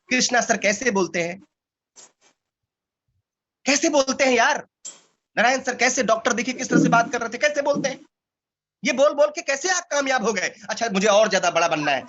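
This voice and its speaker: A man's voice: high voice, a bit bright, highs cut off. A man giving an emphatic motivational training talk to a network marketing team. He repeats key words and keeps firing rhetorical questions.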